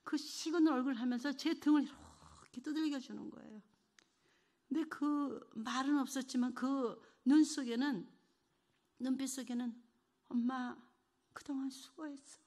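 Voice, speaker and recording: A middle-aged woman giving an emotional church testimony, earnest, moving between hushed and fervent delivery. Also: sits high, fairly even intonation, normal speed.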